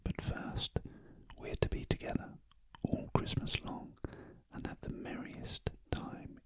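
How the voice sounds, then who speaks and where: A British man voicing a tender, eager little girl in a storybook as whispered role-play, soft and breathy. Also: takes it slowly, no echo, lightly acted. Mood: tender glee.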